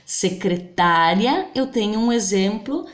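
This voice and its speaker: A woman teaching a grammar lesson, slowly spelling out example words syllable by syllable. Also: mid-range voice, animated. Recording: roomy echo.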